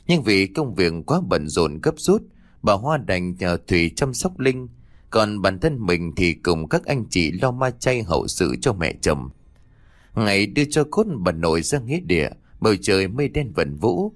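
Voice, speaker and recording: A man narrating a scripted horror story with dramatic storytelling. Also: low voice.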